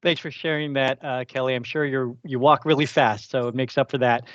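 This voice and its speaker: A man's voice: medium pitch, steady tone, fairly quick, a bit bright, no echo, dull audio. A man co-hosting a webinar from a remote setup, reading upbeat prepared lines. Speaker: co-host.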